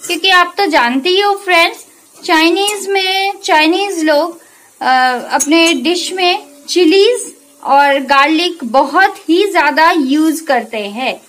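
Slow, high-voiced woman cooking. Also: a bit bright, rough recording. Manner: chatty, addresses viewers as friends. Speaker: cooking channel host. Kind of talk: casual cooking tutorial. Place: home kitchen.

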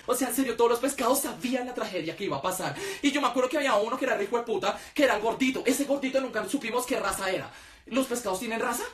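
A man with a Colombian accent telling a comic story, animated, profane and exaggerated. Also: extremely high pitch, rapid-fire. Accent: Colombian Spanish. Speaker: vlogger.

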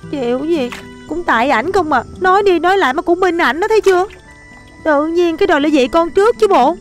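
Frantic stubborn young wife, high voice, stammers. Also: female voice, lively intonation, brisk, faint music behind. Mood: defiant. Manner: panicky, whiny, stammering.

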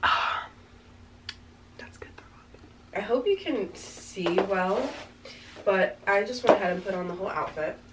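A fashion vlogger in her twenties chats casually as she tries on outfits in a small bedroom with a backdrop. Her medium-pitched voice is a little raspy from congestion and animated, and she rambles at a measured pace with lots of fillers and frequent pauses. A camera mic a few meters away captures her, giving a slightly distant sound with faint room noise.

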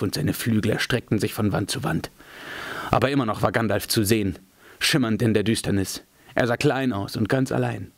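A man reading a fantasy novel aloud in a measured, dramatic storytelling manner. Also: fairly low pitch, dry recording. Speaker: audiobook reader.

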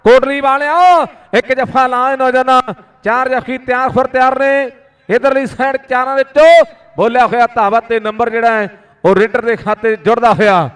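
A man giving frantic, excited live village kabaddi commentary, calling out to the crowd. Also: very high voice, normal speed, smooth. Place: outdoor village sports ground over loudspeakers. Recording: echoing outdoor PA with long reverb.

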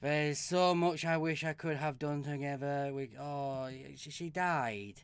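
A man with a voice on the high side talks at a measured pace while playing a horror game, swearing a lot, shrieking when something startles him, and reading the on-screen text out loud. It's let's play commentary, and loud noise sits behind his voice.

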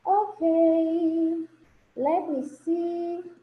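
A woman's voice: very high-pitched, level tone, very slow, lo-fi sound. A woman teaching English to young children over a video call, patient and affectionate, often calling them "my love" and checking that everyone is following. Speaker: primary school English teacher. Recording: roomy video-call audio, faint ambience.

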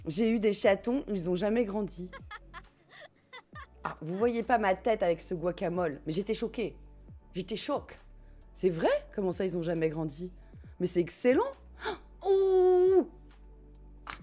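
This French streamer has a fairly low, dark, expressive voice, keeps a moderate pace and pauses often. Over game music she makes casual conversation with chat, giggling and swearing now and then.

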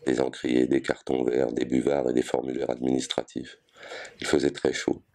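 Very deep, dark male reader. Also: monotone, normal speed, vocal fry. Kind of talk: reading a novel aloud.

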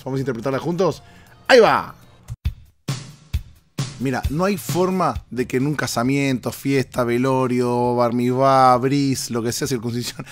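Hoarse Argentine male podcast host, mid-pitched, rambling comic monologue in a hotel room. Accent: Argentine Spanish. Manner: playful, rambling, addresses listeners directly. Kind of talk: casual comedic monologue.

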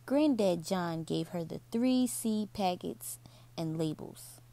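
A woman reads a children's bedtime story at an unhurried pace. Her voice is mellow and low in brightness, with a gravelly edge. The delivery stays soft and soothing. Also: expressive.

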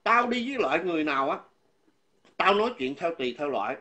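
A man's voice: fairly high pitch, very animated, fast talker, bright, forceful tone. A man delivering an angry, insulting monologue as a vlogger, repeating himself and stumbling over words. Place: living abroad.

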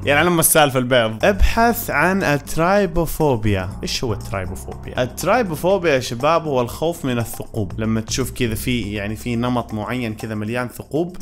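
Casting: male, 20s, Gulf Arabic accent, quick casual video host, playful, close mic, faint music behind. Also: medium pitch, animated. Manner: playful, mixes in English exclamations. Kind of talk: casual chat, reacting to web searches. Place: small indoor home studio room. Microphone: close studio microphone on boom arm. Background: faint background music.

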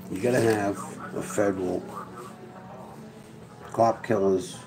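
A man's voice: on the low side, fairly even intonation, slow, poor audio. A man, rambling through a profane, tough-talking monologue to camera. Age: 40s. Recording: crowd noise in background.

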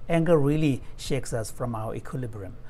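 A middle-aged man interpreting a Buddhist teaching in a measured, explanatory way, with fillers and restarts, on a video call from a room at home. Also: medium pitch, mellow, a little hiss or hum. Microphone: earphone headset mic on a video call.

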